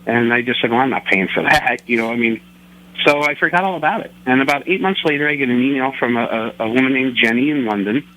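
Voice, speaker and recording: A man's voice: medium pitch, quick pace, bright, forceful tone, poor audio. A middle-aged man telling rambling, joking, self-deprecating anecdotes as a radio interview guest. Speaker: interview guest, record holder.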